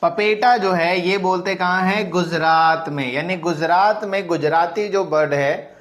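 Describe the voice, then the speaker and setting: Male biology teacher, higher-pitched voice. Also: a little slow, a bit bright. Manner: repetitive, asks questions and answers them himself; mixes English terms into Hindi. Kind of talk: classroom lecture.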